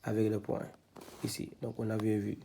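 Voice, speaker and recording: A man teaching Quran reading, spelling out syllables one by one, halting and repeating himself with many fillers. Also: fairly low pitch, monotone, creaky, warm tone, a little hiss or hum. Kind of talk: step-by-step lesson, spelling out syllables.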